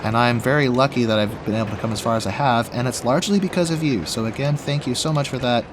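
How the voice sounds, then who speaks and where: A young gaming YouTuber from Washington State rambles through casual let's play commentary on a theme park building game, laughing often and talking to himself as he builds. His mid-range voice is rough and slightly raspy from being sick, and he talks fast over a noisy background.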